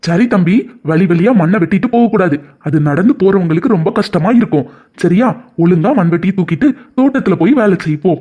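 A woman's voice: on the low side, lively intonation, brisk, warm tone, pitched below the performer's own voice. A woman with a Kanyakumari Tamil accent voicing a kindly, mysterious man of the forest in a cartoon story, soothing and reassuring. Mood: instructing.

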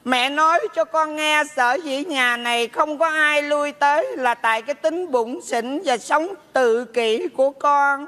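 A man voicing a nagging old mother's ghost in a stage comedy sketch, scolding slowly. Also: very high-pitched, pushed and bright, full character voice. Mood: lecturing. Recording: stage hall with long reverb.

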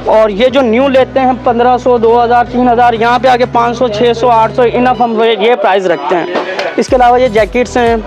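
Male shopkeeper, 30s, high-pitched, eager sales patter, market shop with background music. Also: fairly even intonation, moderate pace, lo-fi sound. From Pakistan. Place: crowded clothing market shop, indoors.

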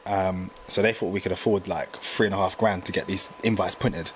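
A man, telling stories in a slangy, animated casual chat full of fillers. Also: low voice, a little fast, slight background noise. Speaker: graphic designer guest.

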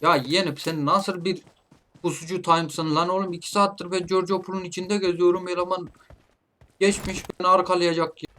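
A man commentating his own mobile shooter gameplay, playfully taunting opponents and calling them nephew, with bursts of loud shouting. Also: high voice, little pitch movement, a little fast, slight background noise. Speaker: gameplay streamer. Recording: game gunfire loud behind voice. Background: gunshots and clicks from the game.

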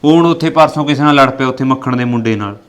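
A man's voice: medium pitch, racing, a bit bright, clean tone. A man with a Punjabi accent acting in a village family drama, reassuring his mother in an earnest way. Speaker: son talking to his mother.

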